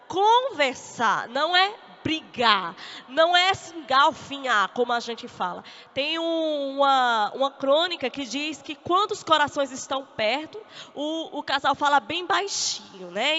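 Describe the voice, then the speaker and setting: A woman with a Brazilian Portuguese accent giving a lively church teaching talk on marriage, acting out the complaints of spouses. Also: high voice. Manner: animated, acts out spouses' complaints. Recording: echoey hall, dull lo-fi sound.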